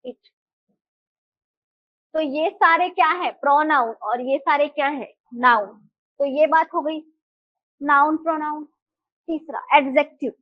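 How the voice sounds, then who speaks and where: A woman's voice: high-pitched, takes it slowly, long pauses, no room sound, highs cut off. A woman teacher giving a live class, explaining and putting questions to her students in a mix of Hindi and English.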